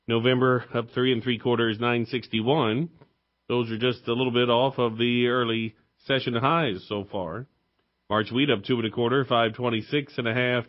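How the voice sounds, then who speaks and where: A male radio market reporter with a medium-pitched voice reads out prices like stock quotes. His delivery is clipped and list-like, figure after figure. The sound is slightly dull.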